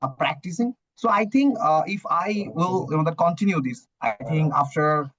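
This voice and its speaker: A young Bangladeshi man, a student, joins a casual English practice chat as a guest, speaking hesitantly with a Bangladeshi accent and plenty of "uh" and "you know that." His voice is on the high side and a bit bright, with a moderate pace. The recording has no room sound and the highs are cut off.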